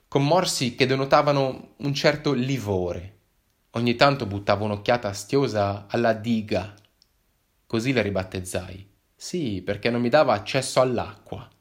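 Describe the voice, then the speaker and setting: A man narrating a first-person story in a wry, measured, expressive way. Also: mid-range voice.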